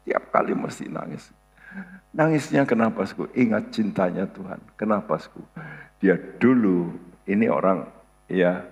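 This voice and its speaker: A male pastor preaching a sermon in a church hall, slow and emphatic, with sudden high exclamations. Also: highs cut off. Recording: long hall reverb, mains hum.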